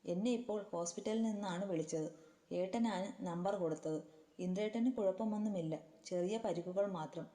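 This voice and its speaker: A woman's voice: fairly low pitch, fairly quick, mellow, close to an everyday voice. A woman voicing an urgent, frightened young woman breaking bad news, with a long reverb on the recording. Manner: urgent, sobbing.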